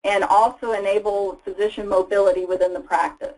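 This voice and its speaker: Woman, webinar presenter, mid pitch, casual explanatory delivery, fillers. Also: flat delivery, a little fast, darkish tone, rough recording. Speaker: product presenter. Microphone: voice-over for slides.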